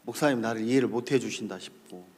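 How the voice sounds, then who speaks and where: A man preaching a storytelling sermon at a church camp, talking straight to the audience in an animated way. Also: mid-range voice, fast talker. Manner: animated, addresses the audience directly. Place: large hall at a church camp. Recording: long hall reverb.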